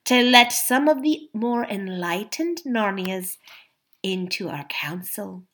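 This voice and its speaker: A woman voicing a sly male cat who plots in a soft, silky, purring voice. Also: mid-range voice, very animated, takes it slowly.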